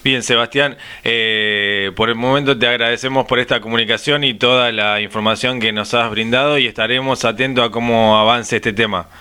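A man hosting a radio talk show, speaking in a measured way with pauses and fillers. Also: medium pitch, fairly even intonation, bright, forceful tone, clear, resonant tone. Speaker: radio host. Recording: music bed under the voice.

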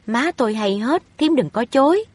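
An overbearing, haughty rich young lady from a storybook, scolding a poor tenant, as a woman reader puts her on. The voice sits fairly high with a husky edge, recorded close and dry. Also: lively intonation, moderate pace, darkish tone, no room sound. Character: haughty wealthy young woman, landlord's daughter. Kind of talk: audiobook reading of a novel.

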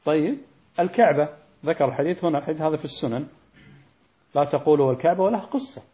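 A man's voice: fairly high pitch, expressive, fast talker, dark tone. A man teaching and explaining a religious text, speaking colloquially and throwing rhetorical questions at his listeners. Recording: dull lo-fi recording.

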